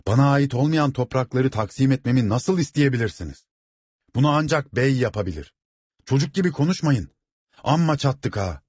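A man's voice: on the low side, fairly even intonation, moderate pace, darkish tone, no echo, studio quality, lightly acted. A man voicing a pale, trembling estate steward who pleads with a crowd, in an audiobook reading. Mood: exasperated. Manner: shaky, pleading, exasperated.

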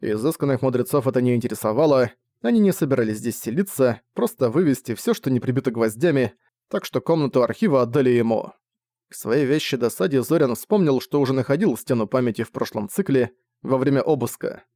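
Guy reading an audiobook, steady, mid-pitched voice, totally dry sound. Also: a little fast, no echo. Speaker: audiobook narrator. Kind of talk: scripted audiobook narration.

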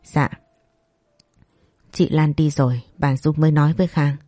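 A narrator reading a scripted audio story in a steady, even way. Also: medium pitch, quick pace, no echo, clean studio sound.

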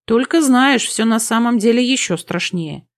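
Woman putting on a male inquisitor, soft-spoken, sweetly threatening, storybook fantasy. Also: on the high side, expressive, moderate pace. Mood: amused. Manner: soft, affectionate, mocking. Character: calm, gently menacing male inquisitor.

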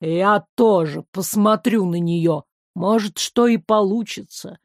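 A woman's voice: mid-range voice, slow, no echo. Woman voicing a grumpy fire spirit, male, proud, hot-tempered, sulky, dry close sound. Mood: grumbling. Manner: grumbling, sulky.

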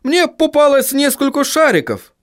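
A man's voice: very high-pitched, big pitch swings, moderate pace, a bit bright, pitched above the performer's own voice, exaggerated voice. A man voicing a matter-of-fact male dwarf printer. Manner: exclaiming, plain-spoken.

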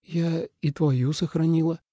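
A man's voice: on the high side, steady tone, unhurried, warm tone, breathy edge, no room sound, clean studio sound, pitched above the performer's own voice. Snappish snake demon woman, a man's put-on voice. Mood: sarcastic. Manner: snappish, sarcastic.

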